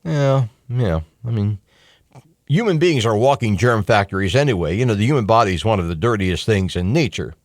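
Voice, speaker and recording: Brisk and lively in intonation, a middle-aged American talk radio host with a lowish voice gives a casual, folksy, opinionated monologue with emphatic asides. The close-miked radio studio recording is dry and of studio quality.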